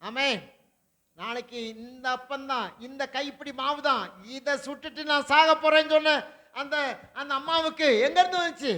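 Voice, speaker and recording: A male pastor preaching a sermon, swinging between loud declarations and low asides, with repeated rhetorical questions to the congregation. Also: steady tone, normal speed. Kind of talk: Tamil sermon.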